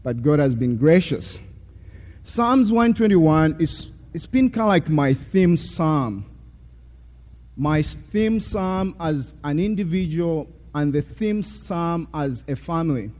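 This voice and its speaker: A man's voice: a little high, animated, takes it slowly. Zambian man speaking in an echoing chapel. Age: young adult. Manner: warm, self-deprecating, with many fillers. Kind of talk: chapel testimony. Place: college chapel. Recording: hall with long reverb.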